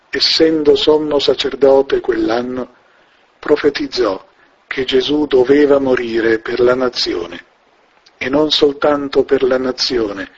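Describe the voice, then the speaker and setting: A man reads scripture in a solemn, measured way, very slowly and with a husky voice. His pitch sits in the middle range. The sound is dull and muffled, like an old radio broadcast. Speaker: scripture reader.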